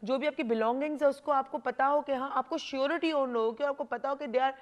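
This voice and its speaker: A woman with a Pakistani Urdu accent hosts a television health talk show. Her voice sits a little high, and she keeps the talk moving in a chatty way. She often slips English phrases in between her Urdu. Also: a little fast. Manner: chatty, mixes English phrases in, frequent "hmm" backchannels. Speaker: TV show host.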